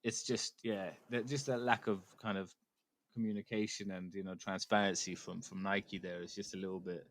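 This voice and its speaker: Uk podcast guy, lowish voice, rambles a lot with um and you know. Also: level tone, moderate pace. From United Kingdom. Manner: rambling, hedging with fillers. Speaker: podcast co-host. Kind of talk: casual chat.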